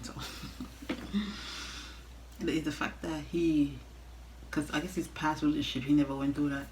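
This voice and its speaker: A young woman telling a casual, animated storytime rant, blunt and exasperated, swearing freely as she talks straight to viewers. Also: deep voice, a little fast, a little hiss or hum, low-quality recording. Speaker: storytime vlogger.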